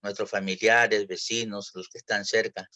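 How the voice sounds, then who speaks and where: A man from Peru, giving an earnest personal testimony in church, halting and full of restarts. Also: fairly low pitch, little pitch movement, pushed and bright. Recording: dull lo-fi church recording.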